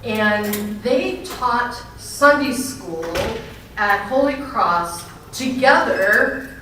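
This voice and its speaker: Speaking to a gathering in a large, echoing banquet venue, a woman pastor with a big, projecting voice gives informal remarks and a spoken prayer. Her fairly high voice is expressive, pushed and bright, and extremely slow. The distant mic captures a very echoey hall with faint noise.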